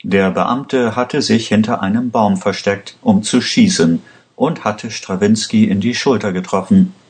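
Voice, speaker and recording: Slow, low-voiced male narrator. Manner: plain, even storybook reading. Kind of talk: slow scripted story narration.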